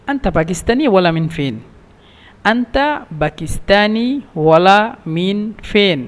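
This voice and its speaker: A man from Bangladesh teaching a spoken language lesson, explaining slowly and repeating each phrase. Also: high-pitched, big-room sound.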